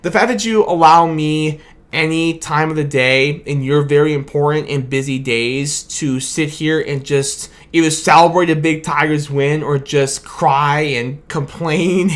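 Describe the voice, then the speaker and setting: His voice a little high, steady and unhurried, a weary young man who hosts sports fan videos drifts through an extended, appreciative farewell to his late-night post-game reaction. It's starting to give out, and he's captured on a camera mic under his own light.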